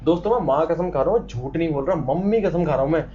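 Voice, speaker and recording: A man's voice: a little high, quick pace, background noise. A man hosting a ghost-ritual vlog, talking in an agitated rush, swearing oaths and hurrying the others along. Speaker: vlog host. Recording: muffled audio under loud music.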